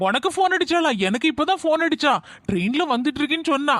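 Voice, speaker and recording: A fond, soothing cartoon village father voiced by a woman with a Tirunelveli Tamil accent. The voice sits fairly high and sounds dry and close. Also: expressive, quick pace, fairly bright tone, no echo. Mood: calm. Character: gentle, doting village father.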